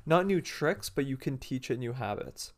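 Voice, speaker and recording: Guy with a gravelly voice, goofy banter, casual podcast chat. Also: medium pitch, animated, normal speed. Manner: joking, playful banter.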